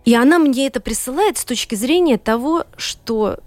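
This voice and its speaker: A middle-aged woman, a teacher and economist from Saint Petersburg, Russia, speaks as a guest in a studio interview over soft background music. Her voice is high, a little mellow and lively in intonation at a moderate pace, recorded dry. She recounts her story earnestly and emphatically, often hesitating.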